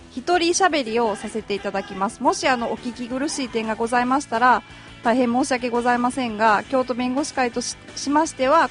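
Polite Kansai woman hosting radio. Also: a little high. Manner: polite, chatty, with many filler words. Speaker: lawyer and radio host. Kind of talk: solo radio talk. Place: community radio studio.

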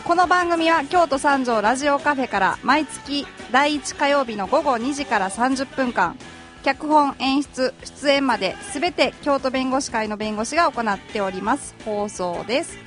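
A fairly high-voiced woman with a Kansai accent hosts a solo talk segment in a radio studio. She speaks in a polite, chatty way and leans on filler words. Soft music plays faintly behind her. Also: moderate pace. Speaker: lawyer and radio host.

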